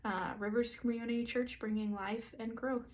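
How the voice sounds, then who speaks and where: A woman from the southern United States, a church co-founder and pastor's wife, talking slowly and earnestly in a self-recorded video. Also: a little high, steady tone, a little mellow. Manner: slow, reflective, earnest and inviting. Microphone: self-recorded camera or phone.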